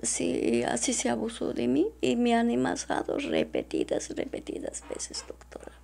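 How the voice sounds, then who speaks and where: A middle-aged woman, giving distressed, halting testimony in an interview and repeatedly addressing the interviewer. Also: on the high side, huge pitch swings, creaky, mellow, whispered. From Peru. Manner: halting and repetitive, often addressing the interviewer as doctora. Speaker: witness.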